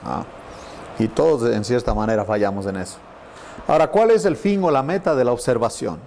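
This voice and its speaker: A middle-aged man teaches a Bible class in an easy, conversational way. He tells stories and slips into the voices of the people he quotes. His voice sits at a middle pitch, with a faint hiss behind it. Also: a little fast. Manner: animated storyteller, acts out quoted voices.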